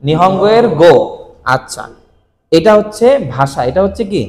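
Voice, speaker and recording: A man teaching a Japanese kanji lesson, asking questions and answering them himself with steady repetition. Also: high voice, normal speed, long reverb tail. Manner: asks questions and answers them himself, repeating key words.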